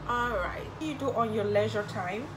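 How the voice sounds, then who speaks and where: Here a young adult woman with a mid-range voice talks at a moderate pace, chatty and laughing lightly as she answers get-to-know-me questions for her YouTube channel. A native Igbo speaker with a Nigerian accent, she's filmed in her bedroom by a desk-distance camera in front of her, with background noise.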